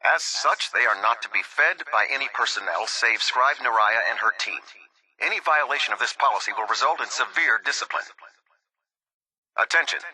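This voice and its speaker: An actor playing a stern, commanding military airship captain in a game, making crisp, formal announcements to his troops through a radio-style loudspeaker filter. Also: medium pitch, rough recording. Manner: crisp, authoritative, measured military delivery. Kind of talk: formal speech and announcements over a public address system.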